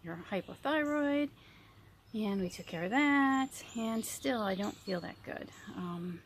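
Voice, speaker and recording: A woman in her early fifties chatting casually to viewers as a vlogger, rambling reflectively and pausing mid-sentence. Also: medium pitch, animated, slight background noise. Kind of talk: casual chit-chat mukbang vlog.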